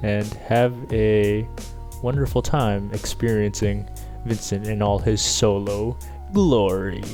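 A man's voice: lowish voice, fairly even intonation, slow pace, a little mellow, soft background music. A young man with a nasal voice, talking casually and a little hesitantly in a recorded message to listeners. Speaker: podcast co-host.

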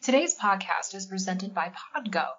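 A woman reading a scripted ad spot in a smooth delivery. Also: medium pitch, lively intonation, moderate pace, a bit bright, dull audio. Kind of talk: read ad spot.

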